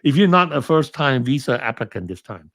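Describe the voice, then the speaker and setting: A man from Hong Kong talks through an anecdote in a relaxed interview, circling back with many fillers and restarts. His voice sits mid-pitch. The sound is dry and close, with little room in it. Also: brisk, dry recording. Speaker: interview guest, film commentator. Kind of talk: casual storytelling interview.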